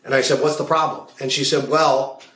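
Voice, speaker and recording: A man's voice: mid-range voice, fairly even intonation, a little fast, a bit bright. A man with a mid-range voice talks through his coaching work as an interview guest. He tells long anecdotes and hammers home his points by repeating phrases. The sound bounces around a roomy space. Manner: explains in long stories, repeats key phrases. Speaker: guest, hypnotist and values coach. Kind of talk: casual interview talk with anecdotes.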